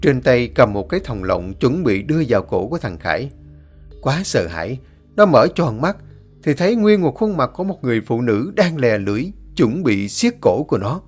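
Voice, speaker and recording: A man's voice: mid-range voice, very animated, normal speed, breathy edge, faint music behind. A man narrating a ghost story and voicing each of the characters himself.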